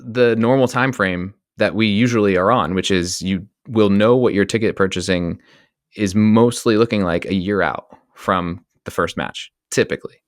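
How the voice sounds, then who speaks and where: A man's voice: on the low side, normal speed, dry recording, studio quality. A man co-hosting a podcast in casual conversation, chatty and prone to restarting his sentences. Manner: chatty, stumbles and restarts when animated. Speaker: podcast co-host. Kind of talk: casual chat.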